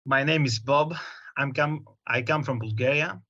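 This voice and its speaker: A man taking part in an online workshop, answering in a measured, slightly hesitant way. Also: medium pitch, pushed and bright, dull audio. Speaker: workshop participant. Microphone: video call.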